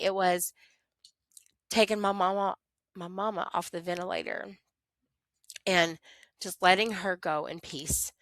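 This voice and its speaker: Middle-aged woman, guest recounting her life candidly, bright tone, expressive, dry close recording. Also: mid-range voice, no echo. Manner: animated, expressive, talks to herself in quoted prayers. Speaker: interview guest. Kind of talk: candid conversational storytelling.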